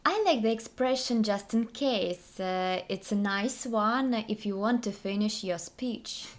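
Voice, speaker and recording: An unhurried woman with a mid-range voice and a Russian accent, a native Russian speaker, co-hosts an English lesson. The conversation is simple and careful question-and-answer, with some hesitant phrasing.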